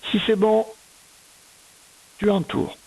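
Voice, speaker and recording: A woman's husky, mellow voice holds a level tone at medium pitch as she teaches a young child spelling. The primary school teacher dictates slowly and patiently, one syllable after another. This recorded reading and spelling lesson has poor audio.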